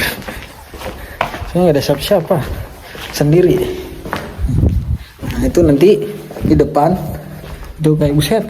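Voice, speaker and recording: A man's voice: fairly high pitch, mellow, slight background noise. A man vlogging as he walks alone through a stone tunnel, his voice echoing off the walls as he chats to his viewers. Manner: chatty, keeps calling the viewers "Lur". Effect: echoey tunnel reverb. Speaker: travel vlogger. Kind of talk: casual walking vlog.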